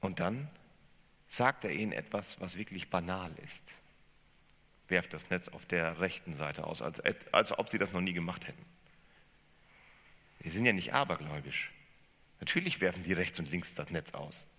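A man preaching a sermon as pastor, speaking with animated emphasis and putting questions to his congregation. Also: low voice, moderate pace, long pauses, slightly rough. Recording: reverberant hall.

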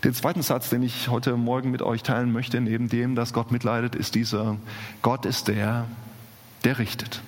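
A male pastor preaching a sermon with emphasis, repeating key phrases and slowing down on the important words. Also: medium pitch, little pitch movement. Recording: long hall reverb.

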